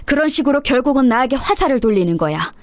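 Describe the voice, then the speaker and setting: A woman doing an older mother-in-law, indignant, scolding, lively rising voice, dry recording. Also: high voice, fast talker, no room sound. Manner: scolding, reproachful. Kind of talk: storytelling role-play.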